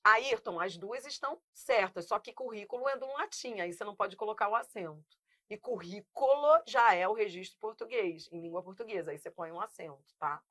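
A Brazilian woman teaching a lively Portuguese grammar class, emphatic and drilling students with repeated examples. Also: mid-range voice, brisk, dry recording.

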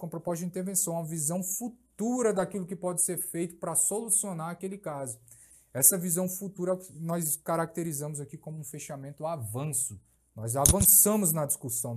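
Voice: mid-range voice, a little mellow. A teacher giving a recorded course lecture, explaining step by step, repeating key phrases and checking in with tag questions.

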